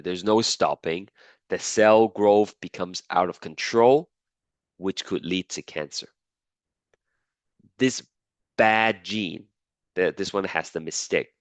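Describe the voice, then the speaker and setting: There's no room sound around this low-pitched male voice. The biology lecturer, sick and fading vocally, gives a class lecture where he goes over key points again and asks how students are doing.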